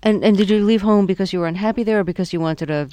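Female interviewer, smooth mid-pitched voice in a dry studio-close sound, conversational and gently tentative in her questions. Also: racing, no room sound.

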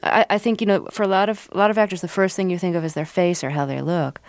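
A woman conducting a conversational interview, haltingly repeating words as she forms her questions. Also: lowish voice, steady tone, dry recording.

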